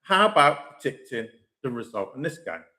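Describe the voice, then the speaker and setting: A man talking casually to his stream audience, his mid-pitched voice rising and falling a lot. He is chatty and opinionated, often stopping to say "okay" and repeat his points. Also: big pitch swings, normal speed, sharp tone. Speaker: host of a live stream channel. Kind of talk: casual football opinion talk.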